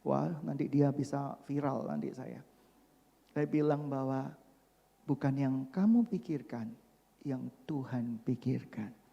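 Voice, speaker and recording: A male pastor preaching a sermon, swinging from loud emphatic declarations to soft hushed asides, and adding joking remarks. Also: medium pitch, slow pace, gravelly, husky, dull audio. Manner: jokes and mimics people mid-sermon. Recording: long reverb of a large hall.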